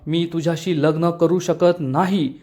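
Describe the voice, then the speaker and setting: A man's voice: a little high, fairly even intonation, measured pace, darkish tone, close to an everyday voice. Man voicing an exasperated young groom. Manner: firm, exasperated.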